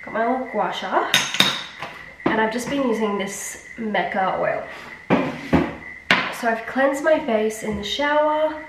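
This beauty vlogger's voice sits on the high side and sounds congested from blocked sinuses, moving a little slowly with long pauses. Her rambling, self-deprecating skincare chat is captured from a distance in an echoey bathroom amid heavy background noise.

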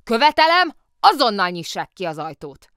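Woman doing a pompous cop guy yelling orders, loud and way higher than her normal voice. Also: very animated, clear, resonant tone, dry recording, clean studio sound. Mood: furious shouting. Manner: shouting commands. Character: blustering, pompous male police sergeant.

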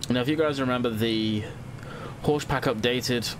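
This let's-play commentary comes from a young gaming host whose cold leaves him congested. He talks casually at a moderate pace and medium pitch, thinking out loud over a noisy background.

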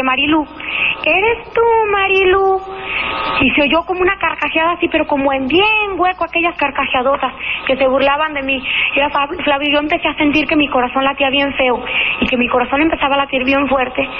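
A woman calling in to a radio show, telling a personal ghost story in a rambling, emotional way. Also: high voice. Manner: rambling, emotional storytelling with regional rural speech. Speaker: caller. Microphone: telephone. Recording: phone call over lo-fi radio with noise.

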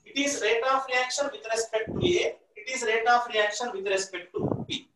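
A chemistry teacher with an Indian accent teaches a live online class from a classroom blackboard, his voice extremely high-pitched at a moderate pace amid background noise. He repeats himself and prompts listeners to finish his sentences, picked up by a distant camera mic in an echoey room.

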